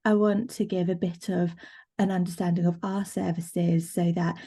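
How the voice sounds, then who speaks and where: A woman sign language interpreter speaks as a live voice-over for a signed talk, rendering it in first person as it happens. Her voice sits a little low and sounds soft and mellow, steady with fillers and restarts, over a video call. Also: moderate pace, husky. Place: online video meeting.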